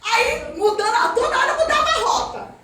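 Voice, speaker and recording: Very high-voiced woman preacher. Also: brisk. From Minas Gerais, Brazil. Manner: animated storytelling, laughing often. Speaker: missionary. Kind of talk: testimony sermon to a congregation. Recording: very echoey hall, distant mic, noisy.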